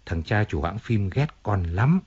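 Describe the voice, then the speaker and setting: A man's voice: lowish voice, lively intonation, unhurried, darkish tone, slightly rough, muffled recording. A man voicing a self-pitying middle-aged male singer who complains and pleads emotionally, in an audiobook reading. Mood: despairing.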